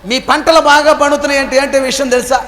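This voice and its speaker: A man with a very high voice preaches a sermon with fervour. He keeps calling on the congregation to answer louder. His voice rings through a roomy church hall with a long echo. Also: little pitch movement, quick pace. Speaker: pastor. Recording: echoey hall with long reverb.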